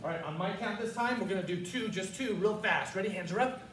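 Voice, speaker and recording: Older male martial arts instructor, high-pitched for a man, commanding drill calls, recorded across an echoey studio. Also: quick pace, fairly bright tone. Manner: commanding, instructional, calling out short counted cues. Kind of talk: karate lesson with call-and-response drills. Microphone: far camera. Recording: roomy, distant mic with faint noise.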